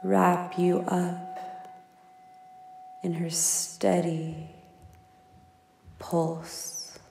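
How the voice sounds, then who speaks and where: Speaking very slowly and softly, a woman leads a soothing meditation with long pauses. Her lowish, even voice has a crackle of fry, and a long, echoing reverb carries her words over singing bowls and ambient music.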